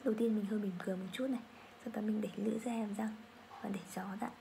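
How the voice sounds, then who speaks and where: A woman with a Vietnamese accent teaching English pronunciation, saying model phrases slowly for learners to repeat. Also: medium pitch, fairly even intonation, creaky, noisy background. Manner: slow, drawn-out model phrases for repetition. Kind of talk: pronunciation lesson.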